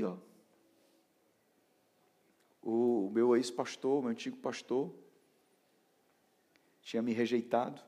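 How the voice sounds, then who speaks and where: A man preaching an emotional sermon, swinging from shouts down to hushed near-whispers. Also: mid-range voice, creaky. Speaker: pastor.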